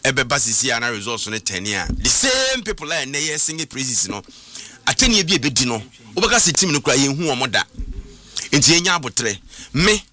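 A man's voice: medium pitch, sharp tone. A man with a Ghanaian accent giving casual sports talk as a radio pundit, emphatic and repeating his points as he mixes languages.

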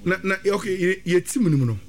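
A man with a Ghanaian accent giving animated football analysis, mixing languages and breaking into quick excited bursts. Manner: excitable, rapid, rising to high-pitched bursts. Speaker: football pundit. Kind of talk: animated sports talk mixing Twi and English.

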